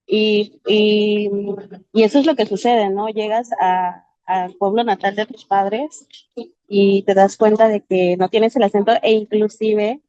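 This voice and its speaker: A Mexican woman from Tabasco joins the workshop discussion, speaking in an eager, conversational way. Her voice has a mellow warmth, heard through dull, muffled sound with no room echo. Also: mid-range voice, fairly even intonation, measured pace. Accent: Mexican Spanish. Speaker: workshop participant.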